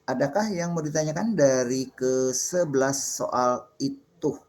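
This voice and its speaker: A man's voice: mid-range voice, measured pace, darkish tone. A middle-aged male lecturer takes questions from his class. He explains patiently and methodically, walking through small worked examples one step at a time. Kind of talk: classroom Q&A on assembly programming.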